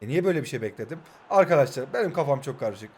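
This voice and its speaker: A man in his twenties from Turkey, joking and mocking himself as he commentates his own mobile football game, and breaking into excited play-by-play. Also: medium pitch, very fast, slightly rough. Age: 20s. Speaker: mobile football gaming YouTuber. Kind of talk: live gameplay commentary.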